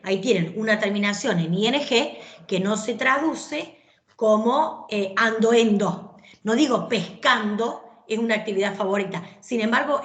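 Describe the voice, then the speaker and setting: Woman teacher, patient and echoey. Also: mid-range voice. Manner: explains patiently, often checking understanding with "¿sí?". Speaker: English teacher. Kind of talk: online class lecture. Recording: roomy echoey recording.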